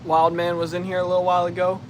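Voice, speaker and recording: A man with a fairly high voice chats excitedly on a casual outdoors livestream, rambling with fillers while fighting the hiccups. A steady hum of noise sits clearly behind him. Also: fast talker. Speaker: outdoors channel host.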